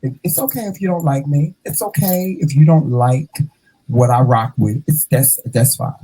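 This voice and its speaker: A man in his fifties hosting a casual interview, animated and playful, calling his guest "child" and "honey". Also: a little high, normal speed, slightly rough, low-quality recording. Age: 50s. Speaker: host.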